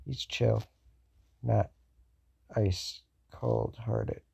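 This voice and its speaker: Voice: mid-range voice, steady tone, extremely slow, creaky, dark tone, breathy edge. A fan storyteller improvising a what-if story, rambling with many fillers and self-corrections.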